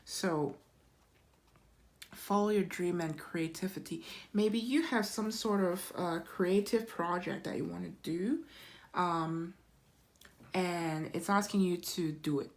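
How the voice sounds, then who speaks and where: A woman giving a pick-a-card tarot reading in an unhurried, reassuring way, often checking in with "right?" and filling pauses with "um". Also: on the low side. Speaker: tarot reader.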